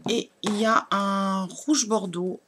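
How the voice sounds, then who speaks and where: A woman's voice: medium pitch, steady tone, slow pace, background noise. A woman, chatting casually as a beauty blogger while unboxing nail products, with lots of hesitant fillers. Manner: chatty, many fillers, shows products to camera.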